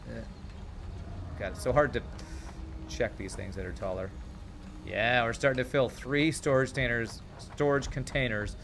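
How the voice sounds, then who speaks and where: Here the gaming host's pitch is fairly low and a bit bright as he casually talks through his game. A California native who moved to Texas at nine, he carries a slight twang, thinking out loud and muttering little asides.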